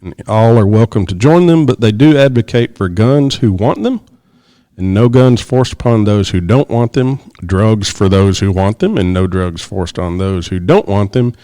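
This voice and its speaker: A lower-pitched man hosting a casual podcast, reading stories aloud to his co-hosts. He gives headlines slow, emphatic pauses. The sound is dry, with no room echo. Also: dark tone. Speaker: podcast host.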